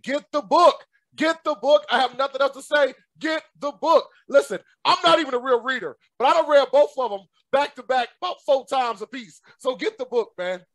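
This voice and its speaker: High-voiced hyped-up podcast host man. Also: a bit bright, no room sound. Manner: hyped, upbeat, slangy, laughs often. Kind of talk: casual interview chat.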